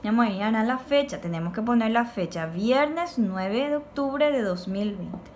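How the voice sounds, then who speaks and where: A woman leads a recorded lesson, her voice a touch high. She speaks slowly and clearly, repeating each word for her pupils to copy. A faint hiss sits under the recording. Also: lively intonation, darkish tone. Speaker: Guaraní teacher.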